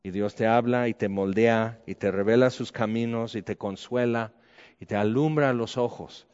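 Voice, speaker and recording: A man with a Mexican accent preaching a conversational sermon, candid and colloquial with lively asides. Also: mid-range voice, moderate pace, clean tone. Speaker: pastor. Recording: echoey hall, dull lo-fi sound.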